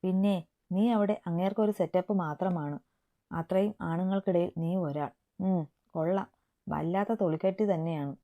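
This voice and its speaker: A woman's voice: fairly low pitch, a little fast, natural voice. A woman voicing a spiteful young woman who sneers at a coworker in a story reading. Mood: sneering. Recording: tinny phone-like sound.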